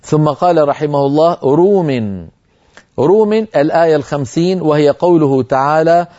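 A man teaching Quran reading in a broadcast lesson, explaining slowly and chanting the quoted verses. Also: on the high side, warm tone, highs cut off. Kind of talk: televised religious lesson.

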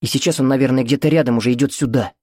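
A man's voice: medium pitch, fairly even intonation, very fast, darkish tone, no room sound, pitched above the performer's own voice, natural voice. A man voicing a frightened young woman who pleads shakily, close to tears, in an audiobook. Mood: pleading. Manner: pleading, shaky.

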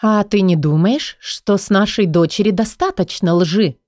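A gentle, quietly clever mother who speaks up for her daughter, as a woman narrator voices her. Her soft, slightly raised voice has a mellow tone, recorded dry and close. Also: mid-range voice, moderate pace, dry recording, lightly acted. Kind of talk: audiobook character voice.

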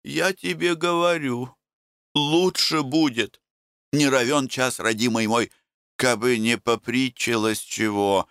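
A male reader voicing a kindly village woman who gently coaxes, in a folksy way. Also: mid-range voice, slow pace, clear, resonant tone, dry recording, clean studio sound, pitched above the performer's own voice. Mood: coaxing. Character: kindly elderly village woman, coaxing, caring.

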